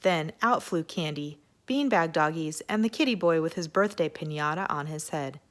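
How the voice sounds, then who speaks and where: A woman reading a children's storybook aloud with expressive narration. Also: deep voice, moderate pace. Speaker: story reader at an elementary school.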